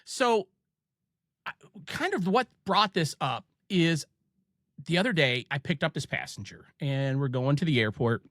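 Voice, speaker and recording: Here's a man from Ohio hosting a podcast, his voice a little high, expressive and fairly bright. The studio recording is clean and echo-free, and his casual storytelling is full of fillers and false starts.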